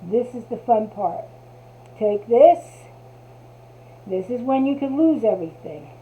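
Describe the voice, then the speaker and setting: A craft tutorial host with a Jersey accent, this New Jersey woman casually demonstrates a craft, chatting to herself throughout. Her fairly high voice moves at a slow pace with lively intonation. The audio comes across tinny, as if over a phone.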